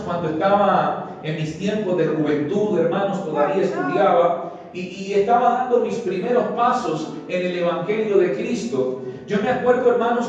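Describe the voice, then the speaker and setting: A man from Ecuador preaches with a high, bright pitch, his voice booming through a big echoey church hall with long reverb. He stands well off the mic while soft music plays underneath. He speaks earnestly and keeps calling his congregation brothers. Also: recorded from a distance, highs cut off. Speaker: pastor. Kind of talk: sermon with personal testimony.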